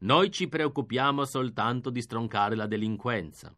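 A man reading an audiobook, voicing a composed male doctor who lectures an audience in a measured, explanatory way. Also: medium pitch, bright, forceful tone, lightly acted. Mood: clinical.

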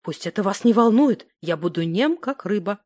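Courteous London gentleman, read by a woman. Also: mid-range voice, lively intonation, moderate pace, lightly acted. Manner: polite, gallant.

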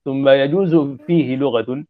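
A man giving a classroom grammar lecture, repeating and spelling out word forms deliberately. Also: medium pitch, dry recording. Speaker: grammar teacher. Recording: dull lo-fi recording.

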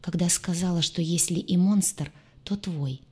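A woman reading the part of an alien male starship captain, brooding and tender, in a quiet, hushed voice. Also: on the low side, moderate pace, husky.

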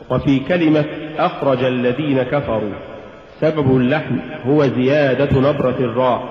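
A man teaching Quran recitation, measured and methodical, contrasting wrong and right readings and chanting short verse examples. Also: mid-range voice. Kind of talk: recitation lesson. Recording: echoey hall, muffled lo-fi.

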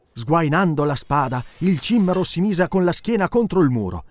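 A male audiobook narrator telling an adventure story with lively, animated delivery. His pitch sits in the middle and rises and falls widely to build the action. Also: no room sound.

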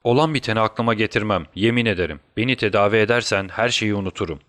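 A clever detective speaks from his sickbed, urgent and conspiratorial, as a man reading the story voices him. The voice is a little low and the recording dry. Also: quick pace, a bit bright, no echo, natural voice. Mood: faint. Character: sick, feverish male detective, clever.

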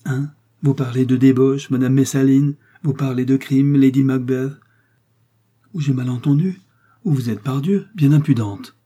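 A man's voice: medium pitch, brisk, warm tone, breathy edge, lightly acted. A man voicing a sneering, mocking aristocratic baron. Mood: sneering mockery. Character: sneering aristocratic English baron, middle-aged.

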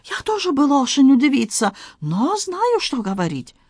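An eager, kind-hearted Frenchman with a French accent, voiced by a woman reading an audiobook, pitched high above her own voice and bouncing around animatedly. He speaks hastily in broken phrases. The sound is dry and close. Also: huge pitch swings, moderate pace, darkish tone, no room sound, full character voice. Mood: earnest. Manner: broken grammar, eager, hasty. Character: flustered kind-hearted Frenchman, adult man. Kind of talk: audiobook character voice.

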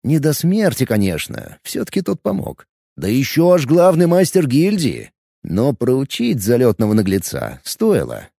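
A male audiobook narrator with a gravelly, dark voice that swings widely in pitch as he tells the story. The recording is dry and close, with no room sound. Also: wildly swooping pitch, a little slow, dry recording. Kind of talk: scripted narration.

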